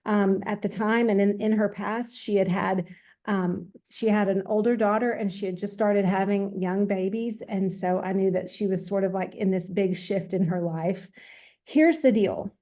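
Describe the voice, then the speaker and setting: A middle-aged woman hosts a group call in a conversational style. Her voice is mellow and relaxed in tone, at an average pitch. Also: moderate pace. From small town in eastern Georgia, USA. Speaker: host, team leader.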